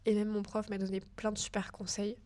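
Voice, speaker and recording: A young woman chats through her student web project in a casual, filler-heavy way. She sounds a little nervous as she talks straight to the viewer. Her pitch stays fairly level and even throughout. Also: fairly quick. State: a bit nervous. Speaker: digital school student. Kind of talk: casual screen-share walkthrough.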